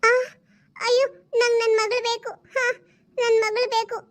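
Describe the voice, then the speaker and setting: A woman's voice: very high-pitched, level tone, a little slow. A woman voicing a tearful, protective mother who pleads and sobs. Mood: pleading. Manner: pleading and tearful, often sobbing. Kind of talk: home-made family drama.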